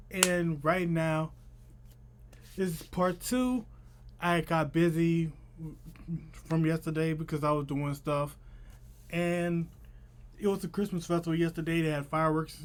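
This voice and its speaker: A young adult man with a slightly high voice tells a story in a loose, chatty vlog style. He has a noticeable lisp, his s sounds coming out slushy like sh. His wording is informal and slangy, recorded at home a little way from the mic. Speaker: vlogger. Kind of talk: casual storytelling to camera. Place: small room at home.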